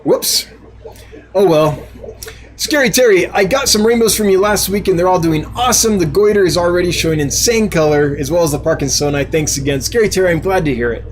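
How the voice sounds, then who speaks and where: A chatty man hosting a live stream, with a slightly higher voice than most men. He reads viewer comments aloud and answers them, laughing often at his own mistakes. A faint hiss of noise sits under his voice. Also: brisk, rough recording. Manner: laughs often, self-deprecating. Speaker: live stream host and fish seller. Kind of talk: casual live chat.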